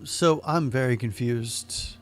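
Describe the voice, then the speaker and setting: A man's voice: mid-range voice, slow pace. A man hosting a let's play, giving casual gameplay commentary with a blunt manner, swearing and exclaiming.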